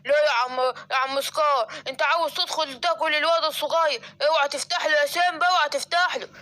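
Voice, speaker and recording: A woman's voice: sits high, fairly even intonation, quick pace, pushed and bright. A woman with an Egyptian accent voicing a brave male elephant who calls out boldly in a children's story. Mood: defiant. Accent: Egyptian Arabic.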